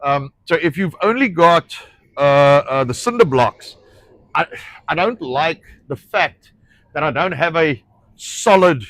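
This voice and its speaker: In a low-quality recording with no room sound, a man with a fairly high, a bit bright voice and lively intonation talks at a slow pace. He's a South African ranch owner and host, a native Afrikaans speaker with that accent, giving a casual outdoor talk on a ranch project, often fumbling for words with fillers and restarts and swearing at times.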